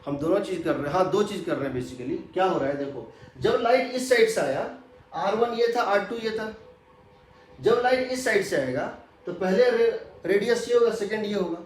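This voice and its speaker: A male physics teacher lectures, repeating each key point so it sticks. His voice sits high. The classroom is strongly echoey. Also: animated, moderate pace. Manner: explains step by step, repeats key points, mixes Hindi with English terms. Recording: very echoey room.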